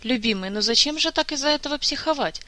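Reader doing worried young woman calming someone down, higher voice, bright dry sound. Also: fairly quick, no echo. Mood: anxious. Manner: anxious, soothing.

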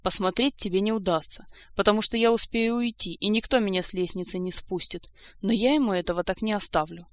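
A woman reading the lines of a haughty, spiteful young countess who speaks in a shrill, indignant way. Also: brisk, lightly acted.

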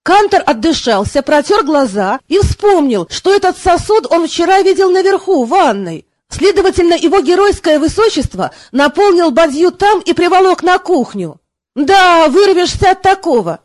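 A woman narrating an audiobook in a steady storytelling manner. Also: very high voice, moderate pace, dry recording. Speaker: audiobook reader. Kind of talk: scripted narration.

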